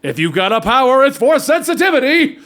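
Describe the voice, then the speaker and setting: A man's voice: extremely high pitch, very animated, fairly quick, fairly bright tone, a little hiss or hum. A man co-hosting a casual pop-culture discussion, explaining his opinions in a chatty, rambling way. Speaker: show co-host.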